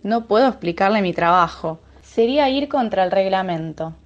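A woman's voice: medium pitch, animated, moderate pace, highs cut off, natural voice. A woman acting a bureaucratic clerk who follows instructions, formal, evasive and politely dismissive. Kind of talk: radio sketch acting.

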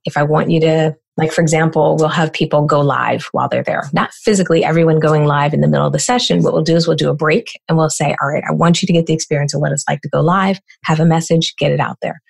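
An American woman answering interview questions as a business coach, explaining in a brisk way with lots of rhetorical questions. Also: deep voice, fairly even intonation, creaky, husky. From United States.

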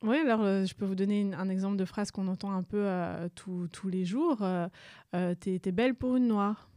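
Young woman museum guest, hesitant with many fillers, warm dark voice, close dry recording. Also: medium pitch, fairly even intonation, moderate pace, no room sound. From Rwanda. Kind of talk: interview answers.

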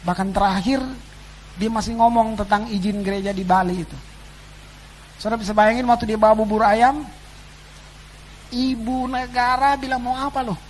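A man delivering a sermon to a congregation, his voice leaping high and loud on key phrases, then dropping to hushed asides. He keeps calling out to his listeners directly. A faint hum and background noise sit under the recording. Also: normal speed, pauses often, low-quality recording. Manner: animated, swinging between loud exclamations and quiet asides; addresses the congregation as "saudara". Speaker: pastor.

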